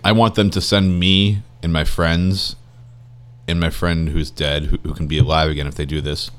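A man's voice: extremely low pitch, level tone, normal speed, fairly bright tone. A man playing a tabletop game, blunt and joking as he declares his moves. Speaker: player.

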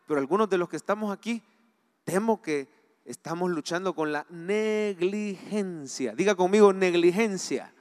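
A man with a Salvadoran Spanish accent preaching a sermon, putting rhetorical questions to the congregation and swinging between loud emphasis and quiet asides. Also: high-pitched, moderate pace, big-room sound. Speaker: pastor.

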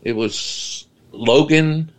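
A middle-aged man, a guest researcher, talking in a casual podcast interview, halting and repeating words, then explaining at length. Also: fairly high pitch.

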